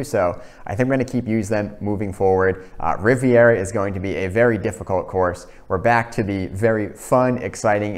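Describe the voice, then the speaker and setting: A young man giving casual, informal golf commentary, talking through his own play. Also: fairly low pitch. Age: young adult. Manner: self-narrating, informal. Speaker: host of a simulator golf series.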